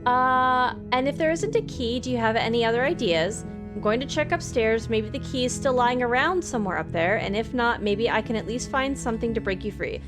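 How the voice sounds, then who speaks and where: A woman gives casual let's play commentary in a high voice. She is chatty and reactive, with hesitant asides. Game music is clearly audible behind her. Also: fairly quick, hardly any pauses. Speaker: game streamer. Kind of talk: casual live let's play commentary with dialogue read aloud.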